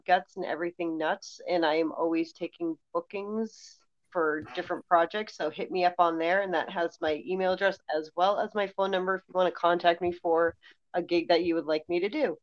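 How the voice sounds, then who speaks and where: A woman co-hosting a horror movie podcast, casual and sarcastic, teasing her co-host and swearing freely. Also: on the low side. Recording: dull lo-fi sound.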